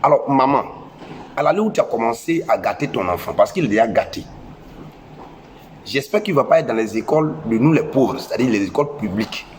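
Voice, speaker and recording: A young man with a West African French accent and a head cold, a social media commentator, delivers an impassioned moralizing monologue that lectures parents in a preachy, scolding way, repeating phrases for emphasis. His mid-range voice is animated and fairly quick, with slight background noise.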